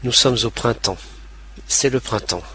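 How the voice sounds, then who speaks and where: A man reading scripted narration for language learners, slow and clearly enunciated. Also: medium pitch, a bit bright.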